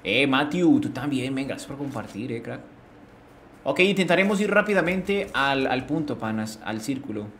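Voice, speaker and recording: A man's voice: medium pitch, lively intonation, moderate pace, a bit bright, a little hiss or hum. A man streaming a game live, chatting casually. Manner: chatty, greets chat, slangy.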